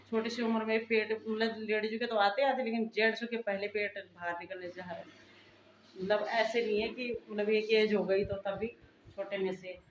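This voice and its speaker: A woman's voice: medium pitch, muffled recording, a little hiss or hum. Chatty middle-aged woman vlogging at home. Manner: chatty, homely, talks straight to viewers. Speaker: family vlogger. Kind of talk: casual chat to camera. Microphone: phone camera. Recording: echoey room with faint background ambience.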